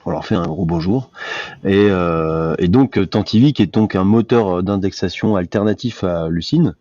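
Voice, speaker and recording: A man's voice: sits low, normal speed, dark tone, no room sound. A man in his forties hosting a casual tech discussion, hesitant with many fillers and restarts. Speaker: podcast host. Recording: dull lo-fi sound.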